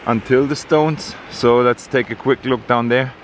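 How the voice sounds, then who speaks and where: Male travel vlogger, unhurried and halting with fillers, outdoors with faint noise behind. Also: medium pitch, steady tone. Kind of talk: casual vlog narration. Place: outdoors on a rainy coast.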